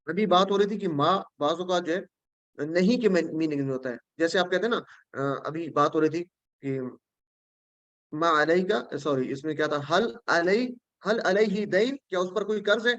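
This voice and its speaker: A man's voice: high voice, fairly bright tone, no room sound, muffled recording. A man with a Pakistani Urdu accent, teaching the meanings of Quran words, repeating each word patiently and often checking that his students follow. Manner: recites prayer phrases slowly.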